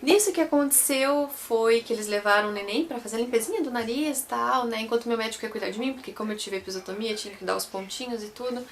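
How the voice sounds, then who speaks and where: A woman's voice: on the high side, fast, few pauses, slight background noise. A young Brazilian woman telling her own story to camera in a chatty way, often repeating and correcting herself. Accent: Brazilian Portuguese. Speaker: vlogger.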